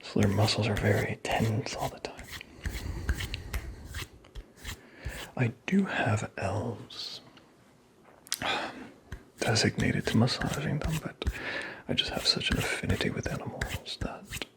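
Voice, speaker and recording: Casting: man as playful, self-satisfied Santa for ASMR roleplay; slow hushed whisper with gravelly fry. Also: lowish voice, wildly swooping pitch, full character voice, poor audio. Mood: soothing, chatty. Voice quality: breathy whisper, creaky. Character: teasing, vain, playful Santa Claus, old man.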